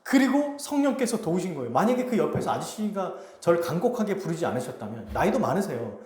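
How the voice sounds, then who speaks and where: Lively, animated male pastor preaching. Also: high voice, quick pace. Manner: animated storytelling, acts out quoted lines. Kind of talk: sermon with a personal story. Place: church sanctuary. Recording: echoey church hall.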